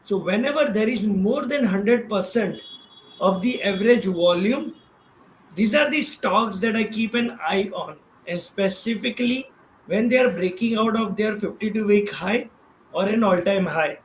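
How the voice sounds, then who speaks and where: This guest expert, a trading professional with an Indian accent, has a high voice and keeps a measured pace. His explanation of stock trading stays casual and conversational, with regular check-ins along the way. The room echoes and there is faint noise in the background.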